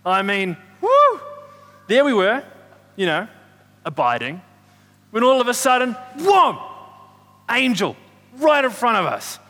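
A man acting out a rambling, excitable shepherd, his high voice ringing through a long, echoing hall. His bright, cutting tone carries loud whoops as he chatters on in a comic stage play. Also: takes it slowly, pauses often, exaggerated voice. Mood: excited. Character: excitable chatty male shepherd, middle-aged. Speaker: shepherd character in a church Christmas play. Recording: echoey hall reverb.

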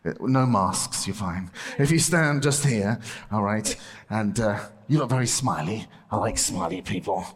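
In an echoey church hall, a man gives children a playful object lesson, laughing often and calling out to the room. His voice is on the low side, with lively intonation and a slightly slow pace.

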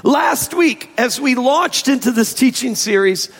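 At a church service, a male pastor preaches to his congregation, amplified in a large room with long, echoey hall reverb. His very high voice is hoarse and strained as if from a sore throat, yet animated and fairly bright. He speaks slowly and emphatically, stretching key phrases with an informal touch.

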